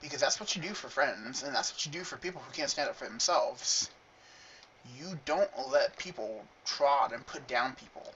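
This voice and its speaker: A man's voice: mid-range voice, animated, normal speed, fairly bright tone. A young man with a lisp, vlogging in a rambling, earnest way with self-mocking asides, from a room at his gaming computer. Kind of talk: casual confessional monologue. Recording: dull, distant mic with faint hiss.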